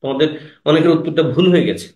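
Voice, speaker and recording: A man's voice: on the high side, a little mellow, reverberant. Man teaching an exam-prep class. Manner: asks the class quick questions and repeats key words. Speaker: English teacher.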